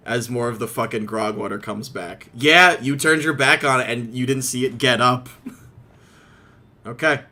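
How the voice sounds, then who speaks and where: A man running a tabletop game as game master, excitable, laughing often and swearing freely. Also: mid-range voice, normal speed.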